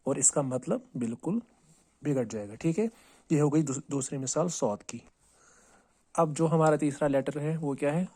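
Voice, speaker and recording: A man teaching Quran recitation. He asks and answers his own questions and repeats words slowly, drawing out each sound to show how to say it. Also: a little high, warm tone, no room sound. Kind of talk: tajweed lesson on letter pronunciation.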